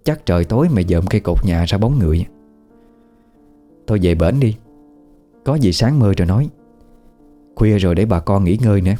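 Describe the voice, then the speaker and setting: A man's voice: lowish voice, animated, brisk, long pauses, mellow, faint music behind, natural voice. A man doing a stern old grandmother. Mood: firm. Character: stern, steady old grandmother, protective widow.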